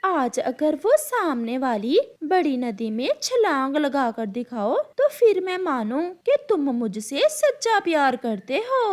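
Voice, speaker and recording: A woman's voice: sits high, sing-song, a little slow, few pauses. Woman doing a taunting crow wife. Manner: teasing, demanding. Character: taunting female crow wife, testing her husband. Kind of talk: cartoon storybook voice acting.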